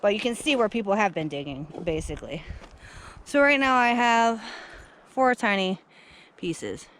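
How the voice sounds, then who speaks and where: Woman, casual vlog, excitable, chatty, outdoors, handheld camera, mid-range voice. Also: mid-range voice, moderate pace, slight background noise. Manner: excitable, chatty, addresses viewers directly. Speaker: vlogger. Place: outdoors at a dig site.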